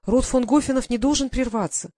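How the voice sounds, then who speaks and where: Brief: woman playing a gentle aging baroness mother, worried and fond, storybook reading, dry close sound. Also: fairly high pitch, fairly quick, no echo, pitched above the performer's own voice, lightly acted. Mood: tender.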